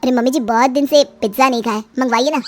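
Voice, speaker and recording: Lady doing a lazy greedy son in law, talks quick and high, wheedling, story voice. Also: fairly even intonation, lightly acted. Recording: music behind the voice.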